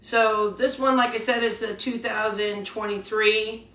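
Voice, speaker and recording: A relaxed speaker rambles through cigar details with plenty of "um"s, the tone bright and a little sharp. The voice comes from a distance and carries a big hall echo. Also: mid-range voice, unhurried. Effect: big echoey room sound on the voice. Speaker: cigar reviewer. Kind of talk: casual product chat.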